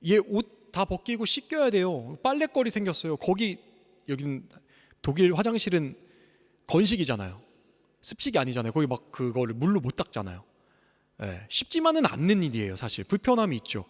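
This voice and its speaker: Brief: male pastor, high and lively voice, emphatic sermon in a long-reverb church hall. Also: brisk. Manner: swings between hushed and loud, emphatic.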